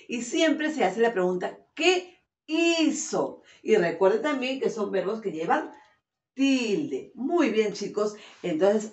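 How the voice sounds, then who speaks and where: Affectionate woman teaching small children. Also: on the high side. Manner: affectionate, calls children "mis amores"; slow, drawn-out sentences for dictation. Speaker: primary school teacher. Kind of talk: virtual class for young children. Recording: roomy, dull lo-fi sound.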